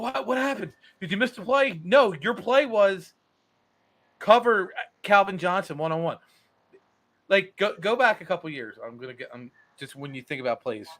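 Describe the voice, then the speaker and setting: Brief: male co-host, bright forceful voice, very lively pitch, animated sports banter. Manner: animated, acts out players' lines, repeats words. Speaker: podcast co-host. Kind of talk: casual sports chat.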